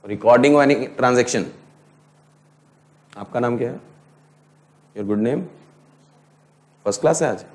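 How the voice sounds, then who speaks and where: A middle-aged man with an Indian English accent teaching an accounting class, mixing Hindi and English, putting questions to students and slowly dictating definitions. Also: mid-range voice, darkish tone. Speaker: accounting lecturer. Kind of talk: classroom lecture.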